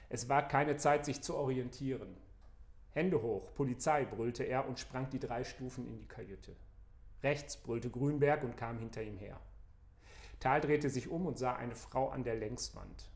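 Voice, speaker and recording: A man reading aloud from his own crime novel, tense and measured, with the dialogue kept in his narrating voice. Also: medium pitch, creaky, darkish tone, echoey room. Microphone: studio microphone.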